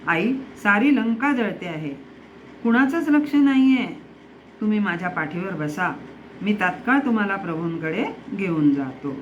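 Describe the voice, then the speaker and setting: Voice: medium pitch, expressive, a little slow, slight background noise, close to an everyday voice. A storyteller voicing a brave, clever monkey messenger, speaking boldly and defiantly in a dull lo-fi recording. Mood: urgent.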